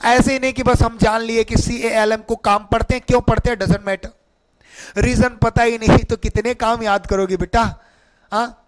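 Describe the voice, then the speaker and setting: A man's voice: very high-pitched, level tone, moderate pace. A man teaching English pronunciation in an online class. He talks in a sing-song way and keeps asking questions and answering them himself. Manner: sing-song, repeats questions back to students.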